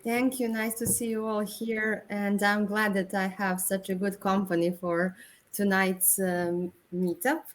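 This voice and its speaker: A woman's voice: medium pitch, flat delivery, measured pace. A woman panelist greeting everyone graciously on an online meetup over a video call.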